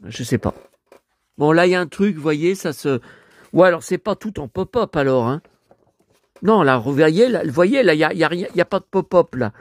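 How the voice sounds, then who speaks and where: A hoarse man talking to his viewers at home, showing off his finds as a collector. He rambles, grumbles, swears often and keeps addressing the audience. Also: fairly high pitch, lively intonation, fairly quick, no room sound. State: hoarse, voice worn out. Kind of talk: rambling vlog talk to viewers.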